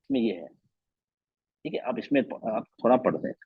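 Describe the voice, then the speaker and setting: A man's voice: medium pitch, animated, normal speed, husky, no echo, phone-quality sound. A man teaching a Quran recitation class online, patiently repeating letter sounds to demonstrate them.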